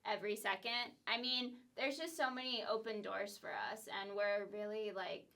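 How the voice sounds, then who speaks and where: A woman's voice: medium pitch, fairly even intonation, moderate pace, sharp tone. A young woman from Houston, a graduate student ambassador, chatting in a friendly conversational way with fillers like "like". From Houston, Texas. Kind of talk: casual conversation.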